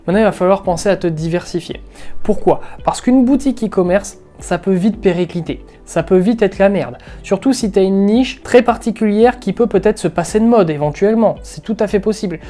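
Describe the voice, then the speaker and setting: Un homme, youtubeur coach en business, qui donne des conseils motivants sur un ton familier et énergique, en insistant par des répétitions. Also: male voice, high voice, a little fast, soft background music. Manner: energetic, emphatic, repeats words for stress, talks straight to the viewer. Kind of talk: casual motivational advice monologue.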